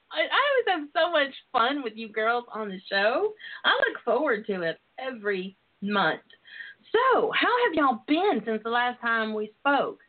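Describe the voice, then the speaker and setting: A woman's voice: on the high side, sing-song, a little slow. A woman hosting a talk show in a sassy, bawdy, playful way, flirtatious and free with endearments. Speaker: radio talk show host, relationship and intimacy coach. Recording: tinny phone-line internet radio sound.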